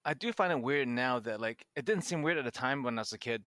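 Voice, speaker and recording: Casting: young male co-host from Hong Kong, native Cantonese speaker, bright and punchy, swears freely. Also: mid-range voice, quick pace, no room sound. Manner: animated, swearing, frequent restarts. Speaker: podcast co-host. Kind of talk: casual chat.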